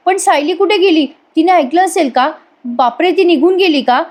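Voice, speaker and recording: A woman's voice: very high-pitched, moderate pace, voice pushed up. A woman voicing an anxious, guilty young husband who pleads and snaps by turns. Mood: panicked.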